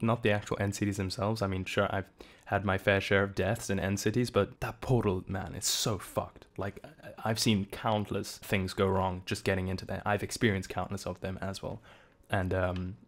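A man giving casual gameplay commentary, loose and chatty, drifting into reflective remarks. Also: fairly low pitch. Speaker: gaming channel host.

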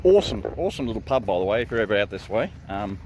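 A man's voice: lowish voice, big pitch swings, very fast. A middle-aged man with an Australian accent talks loosely to a handheld camera, stopping and restarting his sentences with plenty of ums. He is outdoors on a country town street, with faint traffic and ambient noise behind him. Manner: rambling, with many ums and restarts. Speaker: vlogger. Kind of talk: casual road-trip vlog. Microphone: handheld camera at arm's length.

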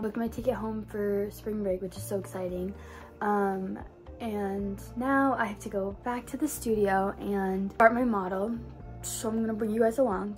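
A young woman, a college student with a medium-pitched, darkish voice, chats casually to her phone camera held at arm's length in a small dorm room. Her vlog talk is breezy and full of fillers.

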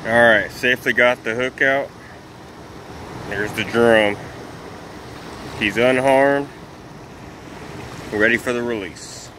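A man's voice: medium pitch, slow, long pauses, a little hiss or hum, poor audio. A man talking casually to his viewers while fishing at night on a rocky riverbank, recorded on a handheld phone. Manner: relaxed, chatty, talking to viewers while handling a fish. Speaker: fishing vlogger. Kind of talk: casual vlog narration.

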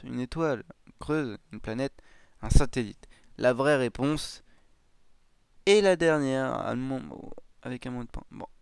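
A man's voice: on the high side, clean tone, dry recording. A man giving casual let's-play commentary, thinking aloud with hesitant, self-mocking remarks and frequent chuckles. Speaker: gaming YouTuber.

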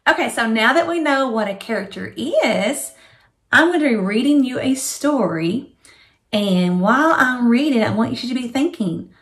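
A middle-aged woman kindergarten teacher giving a children's reading lesson in an animated, simply questioning way, as if reading to a toddler. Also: fairly high pitch, moderate pace. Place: small room at home, indoors.

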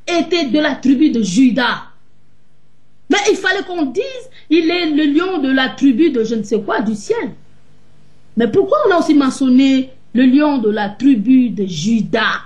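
Emphatic woman preaching on a video call. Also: sits high. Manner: emphatic, rhetorical questions. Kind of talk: sermon-like teaching on a video call. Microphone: video call webcam.

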